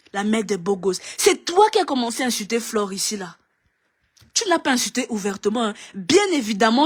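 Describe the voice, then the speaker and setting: A woman ranting in a video, scolding and mocking with lots of repetition. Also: fairly high pitch. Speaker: online commentator.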